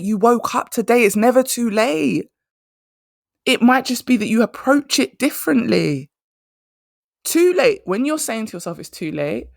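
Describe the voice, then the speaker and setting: A woman's voice: lowish voice, gravelly, dry recording, clean studio sound. A woman, hosting a motivational career podcast and speaking emphatically, repeating her key phrases. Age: 30s. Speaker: career coach and podcast host.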